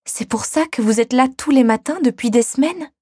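A woman voicing a kind young girl who asks questions in an earnest, higher voice. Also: normal speed, mellow, husky, dry recording, studio quality. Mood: concerned. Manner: earnest, raised pitch when questioning.

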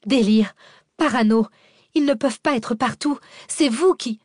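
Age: adult. Figure: panicked woman researcher, read by a woman narrator. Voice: shrill, raised. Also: unhurried, a little mellow, no echo, clean studio sound. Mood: angry disbelief. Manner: high, shrill outbursts.

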